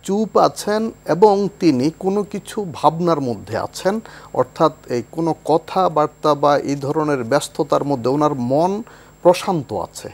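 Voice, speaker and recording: A male Islamic scholar from Bangladesh, appearing as a guest on a television talk show, speaks in a somewhat high, slightly mellow, animated voice at a measured pace. In this explanatory religious discussion, he explains ideas thoughtfully and carefully recites Arabic phrases.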